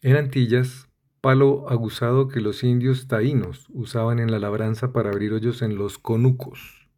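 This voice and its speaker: A man reading dictionary entries aloud in a measured way, spelling out the end of each word. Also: mid-range voice, steady tone, a little mellow. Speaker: dictionary reader.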